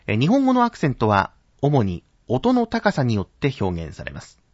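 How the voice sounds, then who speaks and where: A man teaching announcers in a formal, polite lesson, enunciating example words slowly and carefully. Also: mid-range voice, huge pitch swings, no echo. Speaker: announcing instructor. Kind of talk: scripted spoken lesson on pitch accent. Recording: dull, dry narrow-band recording.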